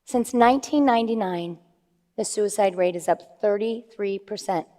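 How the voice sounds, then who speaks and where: A woman's voice: mid-range voice, normal speed, warm tone. A woman who is a life coach, giving an earnest talk to an audience and stressing figures. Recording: long hall reverb.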